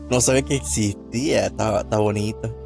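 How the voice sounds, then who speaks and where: A man's voice: on the low side, steady tone, normal speed. Male streamer reacting casually over music. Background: music with guitar.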